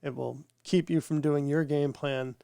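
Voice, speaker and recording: A man's voice: fairly high pitch, fairly even intonation, measured pace, gravelly, mellow, clean tone, dry recording, clean studio sound. A man co-hosting a podcast, talking casually and rambling, his voice nasal from a cold. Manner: rambling, repeats words as he thinks. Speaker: podcast co-host. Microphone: podcast microphone with headphones.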